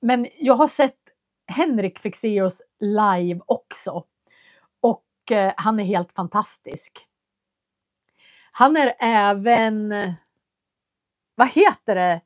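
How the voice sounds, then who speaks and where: A woman's voice: medium pitch, animated, long pauses, no echo, clean studio sound. A woman, chatting casually on a livestream as a language teacher and answering viewer comments with friendly hesitations. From Köping, Västmanland, Sweden.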